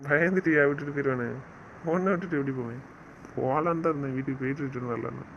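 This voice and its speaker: A gravelly, mid-range male voice races through the part of a stern but loving young husband in an audio drama, sounding natural. He scolds and lectures first, then turns to coaxing. Faint noise sits under the dull lo-fi recording.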